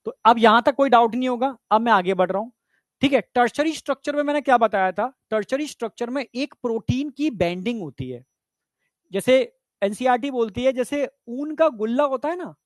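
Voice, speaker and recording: An extremely high-pitched man teaches biology exam prep at a brisk clip, his lapel-mic recording dry and studio-clean. He chats with the class, says "theek hai" frequently, and keeps checking that they follow along.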